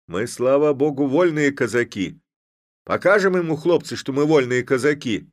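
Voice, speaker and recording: Cocky young Cossack lad read by a man, mocking and rousing, raised and loud, lively swings, dry sound. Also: medium pitch, moderate pace, no room sound, voice pushed up, close to an everyday voice. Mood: rabble-rousing.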